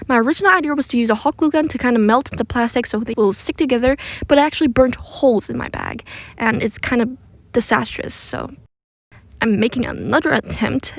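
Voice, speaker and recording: Tucked under a blanket that keeps room sound out, a craft creator records a dry, close voice-over with a fairly high, creaky voice. She pokes fun at herself while casually narrating her DIY tutorial.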